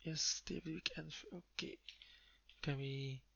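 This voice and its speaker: Gravelly, bright-toned man muttering while coding. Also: on the high side, fairly even intonation, slow pace, no room sound. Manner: muttering, self-talk with fillers and restarts. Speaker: live coding streamer. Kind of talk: casual think-aloud while coding. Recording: dull lo-fi mic with keyboard typing.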